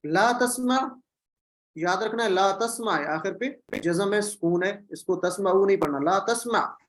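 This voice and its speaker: A man's voice: high voice, poor audio. A man teaching Quranic Arabic in an online class, patiently drilling and repeating word patterns. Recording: video call audio.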